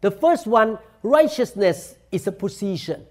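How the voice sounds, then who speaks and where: A man with a Thai accent preaching a sermon, saying each point in slow, deliberate English and then repeating it quickly in Thai. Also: sits high, big pitch swings, darkish tone. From Thailand. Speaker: pastor. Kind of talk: bilingual sermon, self-translating.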